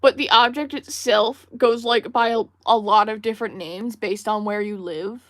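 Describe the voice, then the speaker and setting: Young female streamer, casual chatter while drawing, meandering and filler-heavy, close dry sound, middle-pitched. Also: fairly even intonation, moderate pace, dry recording. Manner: rambling, musing, many fillers and restarts; reads viewer chat aloud. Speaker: livestream host.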